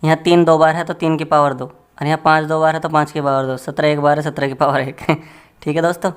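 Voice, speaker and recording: A man's voice: a little high, level tone, fairly quick, clear, resonant tone. Male maths tutor, casual and joking, friendly classroom patter. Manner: chatty and joking, addressing students as friends.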